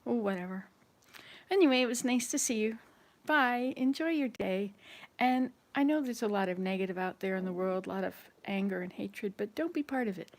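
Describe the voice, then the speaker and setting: Her pitch is medium and her pace moderate as this sixties-aged woman addresses viewers casually, cleaning the house and rambling from chore to chore.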